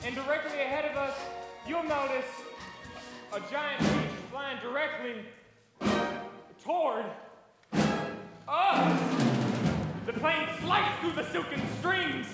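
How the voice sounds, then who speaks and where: A man's voice: extremely high pitch, slow pace, long pauses, heavily acted. Man playing a dramatic stage narrator. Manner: dramatic, announcing. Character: theatrical storyteller narrator and airline captain. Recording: echoey hall with music.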